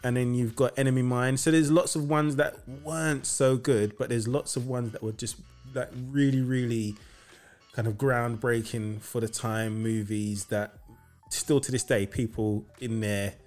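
A man hosting a podcast in casual conversation, upbeat and quick to rattle off lists. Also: mid-range voice, steady tone, darkish tone, faint music behind. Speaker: podcast host.

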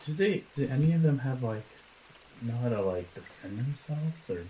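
A man's voice: mid-range voice, animated, moderate pace, warm tone, slight background noise, low-quality recording. A man playing a tabletop game, talking casually and in character.

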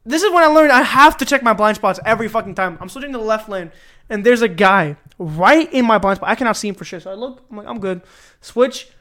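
A man of about twenty co-hosting a podcast, telling stories in a casual chat, animated, swearing freely and laughing often. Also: sits high, fast. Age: around 20. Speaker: podcast co-host.

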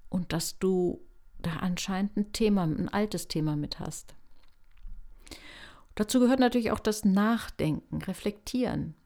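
A woman hosting a self-help podcast, talking calmly and gently to the listener in a reflective, coaching manner. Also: on the low side. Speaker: podcast host.

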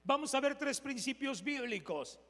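High-voiced preacher in a reverberant hall. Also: male voice, lively intonation, moderate pace, a bit bright. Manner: preaching with rhetorical questions to the congregation, mimicking voices. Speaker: pastor. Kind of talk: sermon.

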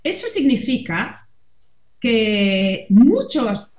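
A woman's voice: on the high side, sing-song, very slow, darkish tone. A middle-aged woman, a columnist and mother, talking reflectively in an interview and often adding tag questions. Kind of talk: conversational interview. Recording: roomy, slightly dull sound.

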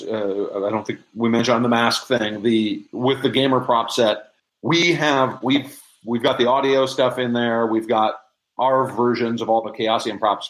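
In a low-quality recording, a man with a mid-range voice, an interview guest who builds props and makes audio dramas, explains things in a casual way, repeatedly restarting and doubling his phrases.

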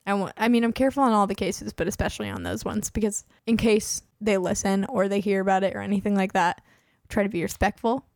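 Chatting casually on a true-crime podcast, a female host in her twenties talks fast with hardly any pauses, peppering her speech with "like." Her medium-pitched, darkish voice is fraying as she loses it. The room is dry.

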